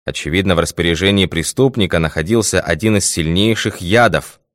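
A man reading the lines of a calm, methodical male detective in a storybook tale, with a measured, confident manner. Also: low voice, no room sound, studio quality, lightly acted. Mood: assured.

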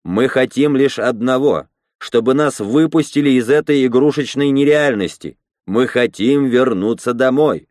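A man reading a story, voicing a male leader who gives a deliberate, measured speech. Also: mid-range voice, a little mellow, no room sound, studio quality, natural voice. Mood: grave. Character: male rebel leader Roman, grave measured orator.

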